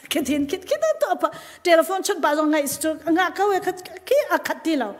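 A woman's voice: extremely high pitch, fast talker, big-room sound. A woman preacher giving a live church sermon with an emphatic delivery that rises and falls. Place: church hall.

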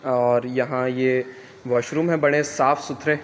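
This is a young man from Karachi, an Urdu speaker and student vlogger, casually narrating a campus tour outdoors on a construction site into a handheld phone camera. His medium-pitched voice stays steady and unhurried, broken by frequent "uh" fillers as he hesitates and thinks aloud. There's slight background noise.

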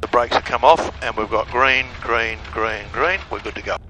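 Male flying instructor on headset, really bright cutting voice, direct short instructions, faint engine noise. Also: mid-range voice, normal speed, low-quality recording. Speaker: flight instructor. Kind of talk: hands-on cockpit instruction. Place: small aircraft cockpit. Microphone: aviation headset.

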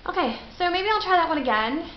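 A woman's voice: very high voice, animated, fairly quick. A middle-aged woman talking casually as host of a homemade vlog in a garage. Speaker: video host. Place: small garage, indoors. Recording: dull roomy garage sound with noise.

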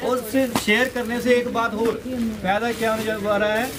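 A young man giving a casual sales pitch in a clothing shop, repeating prices persuasively. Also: flat delivery, normal speed. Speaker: wholesale suit shopkeeper. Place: indoor clothing shop, stacked shelves.

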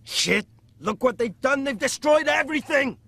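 A man's voice: very high-pitched, animated, moderate pace, gravelly, noisy background, exaggerated voice. A man playing a hot-headed young spaceship crewman in an anime dub. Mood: shocked, angry. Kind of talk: English anime dub acting.

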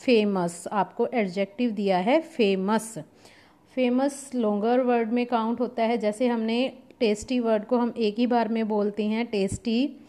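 A woman, patiently explaining a grammar lesson step by step and reading example sentences slowly. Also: a little high, warm tone. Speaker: English teacher.

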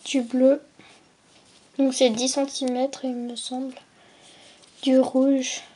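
A young woman with a high, husky, dark-toned voice and little pitch movement slowly presents craft supplies from a box in a relaxed unboxing vlog. She names each item in turn, often dropping to almost a whisper, and hesitates with frequent fillers and self-corrections.

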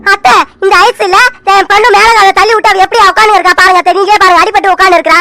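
A woman voicing a quarrelsome aunt in an animated joint-family drama, scolding sharply. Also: extremely high pitch, very fast, background noise. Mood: complaining.

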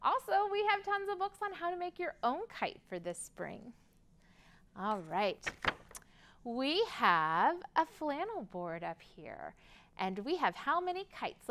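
A bright, high-voiced American woman in her thirties leads a children's storytime indoors in a library room, using an exaggerated sing-song delivery for little kids. She's recorded on a lapel microphone.

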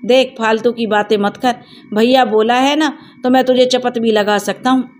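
A woman's voice: fairly high pitch, fairly even intonation, normal speed, natural voice. A woman voicing a brusque young village man who scolds but cares. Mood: gruff.

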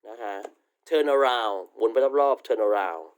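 A male university English teacher delivers a recorded online vocabulary lecture, affectionately calling his students "child" and repeating polite tag particles. His voice is on the low side and smooth, animated but slow-paced.

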